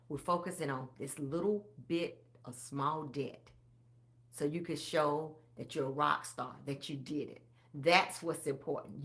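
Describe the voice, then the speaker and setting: A middle-aged woman giving a motivational budget coaching talk, preachy and exuberant, swinging from hushed tones to loud cheering. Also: low-pitched.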